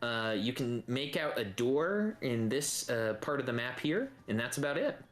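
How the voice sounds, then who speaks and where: A man running a tabletop game as dungeon master, describing rooms in a relaxed way with many fillers. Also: medium pitch, moderate pace.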